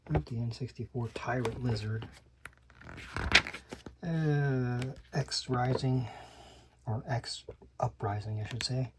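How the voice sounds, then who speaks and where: A man's voice: mid-range voice, fairly even intonation, slow, long pauses, heavy background noise. A man flipping through an old magazine, reading ad slogans aloud and adding dry, muttered asides, sometimes dropping to a whisper. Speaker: channel host. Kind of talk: casual commentary while paging through a magazine.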